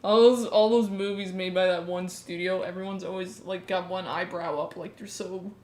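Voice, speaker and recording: A woman's voice: on the low side, steady tone, normal speed, a little mellow. Nasal woman in a roomy space. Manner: casual, joking, laughs often. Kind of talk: casual chat on a livestream. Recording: roomy, faint background noise.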